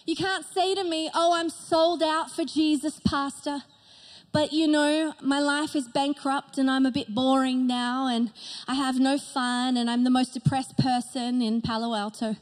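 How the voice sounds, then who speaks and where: A middle-aged woman pastor delivers a passionate sermon, her voice pitched notably high. She preaches emphatically on a big church stage, speaking into a handheld mic. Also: fairly even intonation, measured pace. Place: large church stage with live audience. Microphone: handheld microphone.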